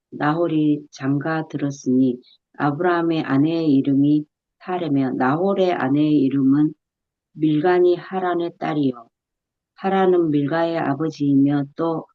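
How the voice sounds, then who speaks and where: A woman with a low-pitched voice reads scripture aloud in turns. She reads steadily and deliberately. The recording sounds slightly dull and muffled. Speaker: scripture reader.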